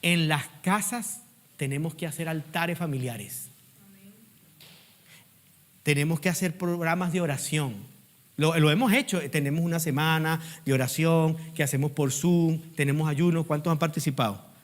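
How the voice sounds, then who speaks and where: A middle-aged man preaching a sermon as pastor, urging the congregation to repeat after him and swinging from loud emphatic peaks to quiet asides. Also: on the high side, moderate pace. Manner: preaching with call-and-response prompts to the congregation.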